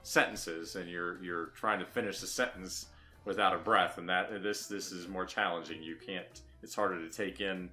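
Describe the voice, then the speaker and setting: A man's voice: deep voice, fairly even intonation, normal speed, pushed and bright, faint music behind. A man casually explaining a vocal technique, as an instructor.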